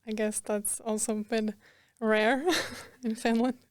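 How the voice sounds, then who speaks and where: Young woman from Croatia, guest; smooth, even delivery, chatty with frequent laughs. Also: a little high, unhurried, no echo, clean studio sound. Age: young adult. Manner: chatty, laughs often, many fillers. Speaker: podcast guest. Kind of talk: casual interview.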